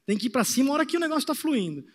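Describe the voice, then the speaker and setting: A man in his thirties speaks to a large audience with a fairly high voice, reflective and gesturing as he paces the stage. A headset mic carries him, but the long reverb of a big conference hall trails his words. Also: big pitch swings, very fast. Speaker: trading course presenter. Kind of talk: motivational talk on stage.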